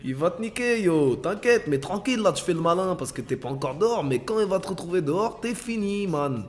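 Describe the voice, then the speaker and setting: Young man, streamer, role-play banter, street slang, slightly high voice. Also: expressive, brisk. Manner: slangy, playful street talk.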